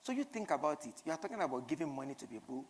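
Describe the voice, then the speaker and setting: A woman's voice: low-pitched, very animated, very fast, long reverb tail, slight background noise. A woman with a Nigerian accent giving a keynote speech in front of an audience, emphatic, with rhetorical questions and repetition. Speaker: keynote speaker.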